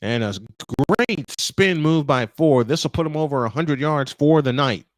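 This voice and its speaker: Excitable man calling football play-by-play. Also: fairly high pitch, no echo. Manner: rising excitement on big plays, quick self-corrections. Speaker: play-by-play announcer. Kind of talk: play-by-play commentary.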